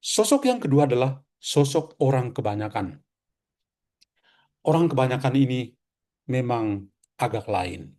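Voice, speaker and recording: A man's voice: medium pitch, big pitch swings, unhurried, long pauses, warm tone. A man, a priest, preaching a devotional reflection in a conversational way, asking rhetorical questions and adding casual asides.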